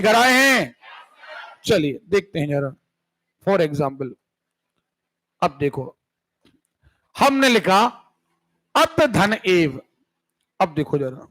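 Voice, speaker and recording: A man's voice: very high-pitched, a bit bright, low-quality recording. A man teaching a Hindi grammar class, explaining word by word and often checking whether the students follow. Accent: central Indian Hindi. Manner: keeps checking the class with "clear hai?" and "sun rahe ho?". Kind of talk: classroom lecture.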